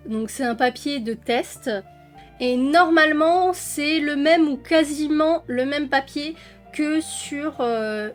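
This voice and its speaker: A French woman casually presenting coloring books in a chatty vlog, with many fillers and fond little words. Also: sits high. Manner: chatty, with frequent fillers and diminutives. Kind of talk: casual flip-through vlog.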